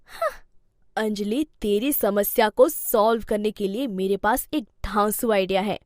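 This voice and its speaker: A woman's voice: medium pitch, measured pace, darkish tone, no echo, clean studio sound, voice pushed down, natural voice. A woman voicing a teasing, scheming young female friend in a cartoon story. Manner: teasing, conspiratorial.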